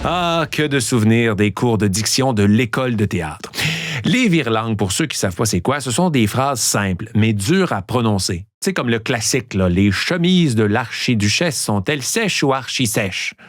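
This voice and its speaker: Animated Québécois man hosting a quiz. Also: medium pitch, normal speed, dry recording, studio quality. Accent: Québécois French. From Quebec. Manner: animated, joking, theatrical asides. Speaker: host. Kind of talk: playful scripted quiz hosting for drivers.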